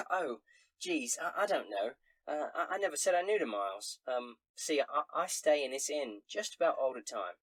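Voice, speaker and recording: A man voicing a tipsy, dim but friendly barmaid in a tabletop game, with loud, sassy, folksy calls and stammers. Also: a little high, animated, normal speed, husky, no room sound, voice pushed up, rough recording. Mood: gossipy.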